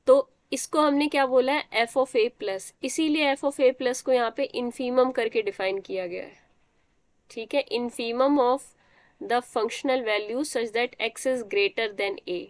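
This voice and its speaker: A woman's voice: on the high side, dry recording. A young woman teaching a math class, explaining step by step and quizzing students as she goes. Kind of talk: live online math class.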